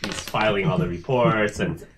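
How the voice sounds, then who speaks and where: A man's voice: on the low side, moderate pace, noisy background. A man casually narrating and chatting as the game master of a tabletop role-playing game.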